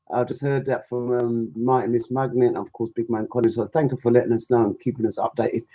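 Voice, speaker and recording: A woman DJ hosting a live show, chatting casually, joking and giving shout-outs to listeners. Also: a bass voice, husky, poor audio. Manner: chatty, animated, jokey. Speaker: DJ and show host.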